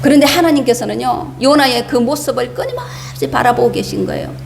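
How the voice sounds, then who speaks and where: High-voiced woman pastor preaching, echoey. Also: a little fast, creaky, faint music behind. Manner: emphatic, asks the congregation rhetorical questions; acts out the prophet's complaints in quoted speech. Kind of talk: sermon. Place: church sanctuary.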